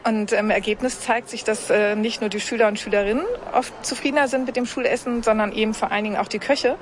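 A woman in a recorded interview, explaining things calmly. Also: on the high side, fast, a little hiss or hum.

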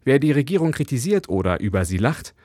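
Male correspondent, measured news read, dry booth sound, mid pitch. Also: sing-song, darkish tone, no room sound. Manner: measured, clear reporting delivery. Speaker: foreign correspondent. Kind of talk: radio news report.

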